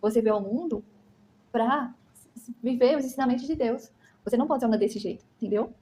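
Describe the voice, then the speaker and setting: Fast-talking Brazilian woman giving testimony. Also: on the high side, warm tone, slight background noise. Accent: Brazilian Portuguese. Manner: emphatic, keeps asking "entendeu?". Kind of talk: personal testimony to camera.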